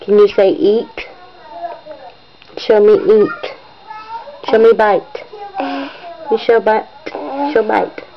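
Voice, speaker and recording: A woman's voice: mid-range voice, flat delivery, slow pace, pauses often, muffled recording, a little hiss or hum. A mother coaxing her baby in sing-song baby talk, repeating simple words over and over on a home video.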